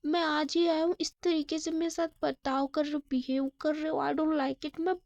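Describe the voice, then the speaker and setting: A woman speaks as a cheeky young man, the kid brother home from hostel, teasing and whining in a high, bright voice. The sound is dry and a little dull. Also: level tone, moderate pace, no echo. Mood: whiny. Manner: playful, whiny teasing.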